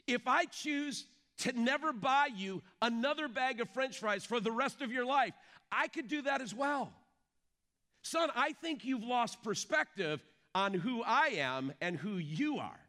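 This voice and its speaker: A loving father lectures his son in a loud, emphatic voice, as a preacher acts him out. The voice sits high and bright. It swoops widely in pitch as he stresses each point. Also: expressive, unhurried, full character voice. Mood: firm, reassuring.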